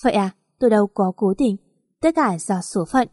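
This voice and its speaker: A woman's voice: medium pitch, lively intonation, normal speed, darkish tone, no echo, clean studio sound, natural voice. A woman doing a scornful young mistress. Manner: mocking, contemptuous.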